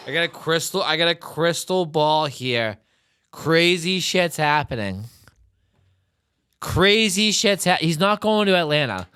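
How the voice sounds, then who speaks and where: A man's voice: on the high side, animated, slow pace, sharp tone, smooth, no room sound. A man in casual sports banter on a podcast, brash and joking, teasing and swearing as he goes.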